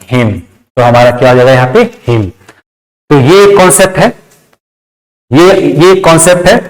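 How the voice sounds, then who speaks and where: Speaking a little slowly in a slightly high, steady voice, this Indian-accented man teaches English grammar step by step in a classroom lesson. He repeats key phrases and poses then answers his own questions, in a rough recording.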